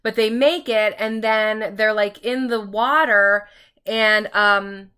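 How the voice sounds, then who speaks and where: A woman with a bright, clean voice at a medium pitch retells a story in a casual vlog style. She talks informally and loosely, doubling back to fill in details as she goes. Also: steady tone, slow pace, smooth. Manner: informal, rambling, backtracking. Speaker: book reviewer vlogger. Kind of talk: casual chatty story recap while getting ready.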